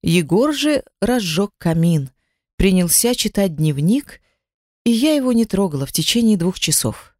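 A narrator reading a novel aloud in an expressive way, close to the mic. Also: mid-range voice, measured pace, no echo. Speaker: audiobook narrator. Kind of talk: scripted narration.

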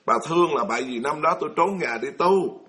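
Bright-voiced Southern Vietnamese monk preaching. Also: male voice, on the high side, animated, fairly quick. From Mekong Delta, Vietnam. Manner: folksy, repetitive, asks audience questions. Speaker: Buddhist monk teacher. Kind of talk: storytelling dharma talk.

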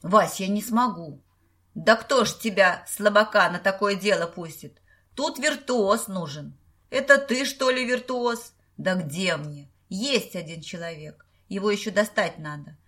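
A rough grown man in a storybook, gruff and bullying, barking at those below him, as a woman narrator puts him on. His lines come loud and menacing. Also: mid-range voice, measured pace.

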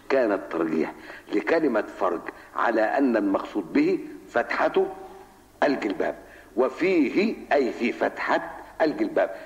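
An older man with an Egyptian accent, a sheikh teaching in a mosque lesson, who asks rhetorical questions, answers them himself, calls the listener "son" and recites verses slowly. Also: mid-range voice. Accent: Egyptian Arabic. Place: mosque hall. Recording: lo-fi reverberant old mosque tape.

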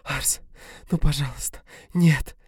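A man voicing a young pregnant woman, frantic and tearful, with shrill desperate crying pleas. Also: steady tone, slow, a little mellow, breathy edge, no room sound, studio quality, full character voice. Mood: sobbing pleas.

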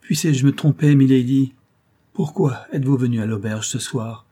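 A man's voice: mid-range voice, moderate pace, dark tone, slightly rough, natural voice. A man voicing a terrified young female servant who pleads and sobs in broken outcries, reading a classic novel aloud. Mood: pleading. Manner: sobbing, beseeching, breathless outcries.

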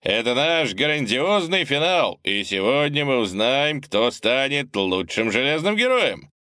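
Booming showman announcer as a man plays him, raised pitch, drawn-out words. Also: sing-song, bright, forceful tone, dry recording, clean studio sound. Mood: hyped. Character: excited arena announcer man, loud showman.

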